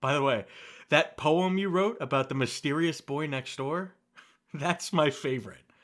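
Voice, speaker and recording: In a scripted ASMR roleplay, a young man plays a best friend, reassuring the listener in a soft, gentle voice with light teasing laughter. He sounds somewhat high and measured, close on a studio mic.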